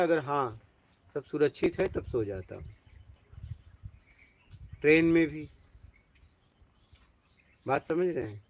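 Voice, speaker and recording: A man giving an informal spiritual talk, telling personal stories and often checking that his listeners follow. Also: on the high side. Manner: conversational, tells personal stories, asks listeners if they follow. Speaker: spiritual teacher.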